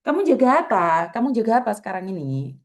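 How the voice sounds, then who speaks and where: A woman's voice: on the high side, very animated, fast, a little mellow. A woman hosting a video call, soothing and urging a worker, repeating her words. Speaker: host advising migrant workers.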